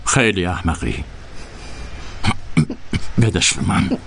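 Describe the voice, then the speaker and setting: A man's voice: sits low, sing-song, vocal fry, fairly bright tone, slight background noise, heavily acted. A man playing a brazen, threatening brothel boss in a dubbed film drama, indignant and bullying. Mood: angry, bullying.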